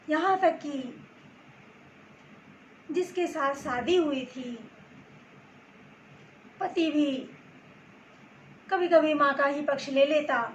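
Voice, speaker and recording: A woman telling a story to her channel's viewers in gentle, halting phrases, with roomy echo and faint background noise. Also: high voice. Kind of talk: storytelling narration.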